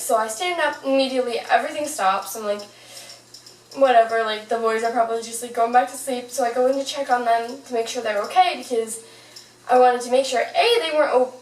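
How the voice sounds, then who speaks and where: A young woman telling a personal story in a casual, chatty, informal way, as a vlogger to her viewers. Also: fairly high pitch. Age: young adult. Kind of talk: casual storytime, paranormal anecdote. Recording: roomy, distant mic, fan noise. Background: whirring fan.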